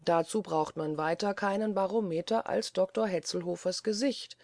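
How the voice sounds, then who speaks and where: A reader voicing a sly old male servant in an audiobook, speaking calmly and dryly. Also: mid-range voice, normal speed, gravelly, no echo, lightly acted. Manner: calm, dry, sardonic. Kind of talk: audiobook character voice.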